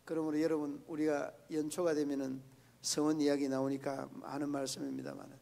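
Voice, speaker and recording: A pastor preaches to his congregation in a high, gravelly voice. He talks to them in a conversational way and keeps putting questions to the room. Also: flat delivery, fairly quick, warm tone. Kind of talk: sermon. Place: church prayer meeting.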